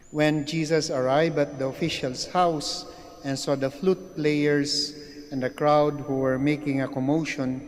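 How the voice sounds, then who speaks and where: A priest, reading the gospel and preaching slowly with many pauses, heard with a long cathedral echo. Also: male voice, mid-range voice. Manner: slow and measured, with frequent pauses and filler sounds. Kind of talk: gospel reading and homily at Mass. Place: large church. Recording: long church reverb.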